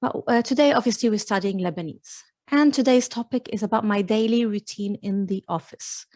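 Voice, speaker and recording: A woman teaching Lebanese Arabic in an online lesson, patiently explaining step by step and pausing with fillers. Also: mid-range voice, darkish tone, no echo.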